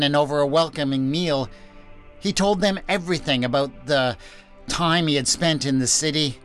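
A man narrating a retold Bible story in a measured, gentle storytelling manner. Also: on the high side. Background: faint background music.

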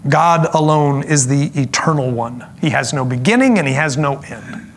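A man preaching a sermon in an earnest, explanatory way, slowing down for emphasis and dropping in casual asides. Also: medium pitch, animated, a little hiss or hum. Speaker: pastor.

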